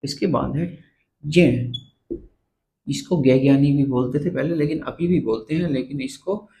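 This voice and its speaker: A male grammar teacher giving a blackboard lesson on letters, slowly repeating each term and asking the viewer to say it back. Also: mid-range voice, gravelly, mellow, slight background noise, poor audio. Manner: slow, repeats terms and quizzes the viewer.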